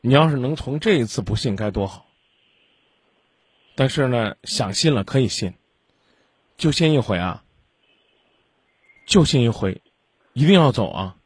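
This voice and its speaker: A man's voice: mid-range voice, lively intonation, a little slow, long pauses, slightly rough, dry recording. A man hosting a radio call-in advice show, talking bluntly with scolding sarcasm.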